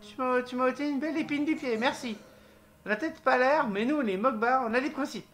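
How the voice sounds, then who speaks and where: A man voicing an excitable male mole creature from a video game, in a loud, jumpy, theatrical put-on Italian accent, pitched well above his own voice. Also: fairly quick. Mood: grateful. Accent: put-on clichéd Italian.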